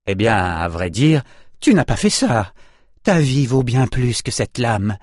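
A man reading an audiobook, voicing an indignant, scolding female sorceress who was once the hero's mentor, pitching his voice higher for her. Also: sing-song, a little slow, no echo, clean studio sound. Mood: demanding. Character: fierce female sorceress, exasperated former mentor.

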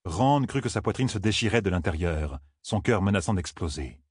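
A man reading a fantasy audiobook in a steady, grave, measured way. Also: low voice, breathy edge, no echo, studio quality. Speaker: audiobook narrator. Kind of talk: scripted fantasy narration.

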